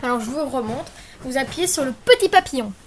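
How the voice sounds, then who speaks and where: A young woman with a high, lively voice narrates a screen-recorded tutorial a little quickly, chatting and rambling with plenty of fillers and apologies. Faint background noise and clicks can be heard.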